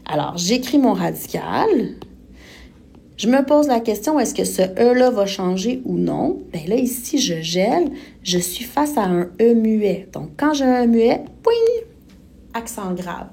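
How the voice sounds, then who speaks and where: A woman's voice: fairly high pitch, lively intonation, measured pace, gravelly, warm tone, slightly rough. A woman with a Québécois accent teaching a recorded grammar lesson, patiently spelling out letters and verb endings step by step. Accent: Québécois French. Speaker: French teacher.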